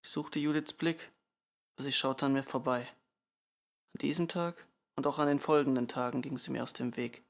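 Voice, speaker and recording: Gravelly male audiobook reader. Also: medium pitch, steady tone. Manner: subdued, measured storytelling. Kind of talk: audiobook narration.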